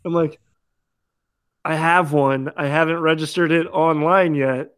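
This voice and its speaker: A man with a notably high voice tells animated, swear-filled stories as a podcast co-host. His talk is loose and conversational. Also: a little slow, clean tone. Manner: animated, profane storytelling. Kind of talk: casual podcast chat.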